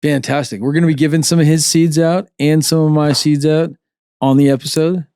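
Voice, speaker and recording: A man's voice: fairly high pitch, fairly even intonation, a little fast, mellow, clear, resonant tone, no echo, clean studio sound. A man hosting a podcast in casual chat, easygoing and agreeable. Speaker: podcast host.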